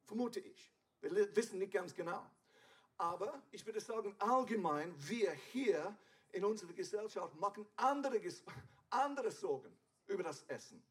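High-voiced pastor preaching casually. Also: male voice, animated, moderate pace, fairly bright tone, slightly rough. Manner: conversational, playful asides with the congregation. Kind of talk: sermon.

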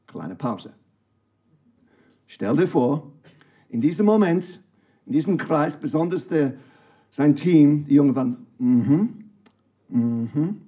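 A man's voice: a little high, a little slow, dark tone, husky. A man preaching a sermon, reading scripture aloud and praying, emphatic and calling out to his listeners, with English words mixed into his German. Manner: emphatic, calls out to the congregation.

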